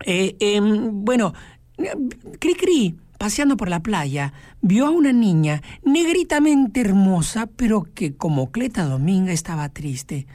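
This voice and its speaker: A woman radio host presenting songs to teachers, lively and expressive. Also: mid-range voice, slow pace, no echo. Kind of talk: explanatory radio talk.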